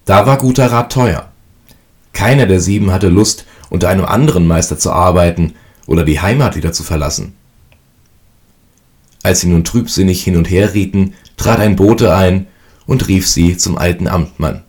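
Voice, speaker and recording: A man reading a fairy tale aloud in a calm, even storytelling manner. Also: sits low, normal speed.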